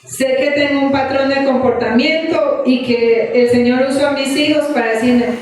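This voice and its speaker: High-voiced woman preaching in an echoing church. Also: moderate pace, slight background noise. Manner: animated, exhorting, asking the congregation questions. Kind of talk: sermon. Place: church hall. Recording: echoey church from far off.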